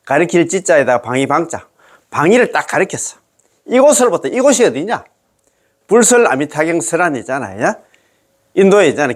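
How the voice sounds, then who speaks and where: A man with a Gyeongsang accent giving a chatty Buddhist dharma lecture, exclaiming and laughing often as he explains a sutra. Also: fairly high pitch. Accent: Gyeongsang Korean.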